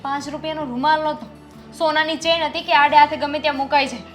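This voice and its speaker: A woman's voice: high voice, flat delivery, fast, faint music behind, close to an everyday voice. An actress playing a young daughter-in-law who anxiously pleads about something she has lost. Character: young daughter-in-law upset over a missing gold chain. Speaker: actor in a web drama.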